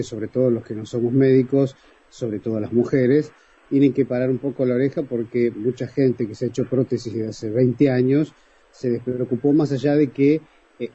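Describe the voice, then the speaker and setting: A man's voice: mid-range voice, warm tone, slightly rough, dull audio. A man with an Argentine accent hosting a radio health program, politely interviewing a guest with conversational "este" fillers. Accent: Argentine Spanish. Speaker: radio host.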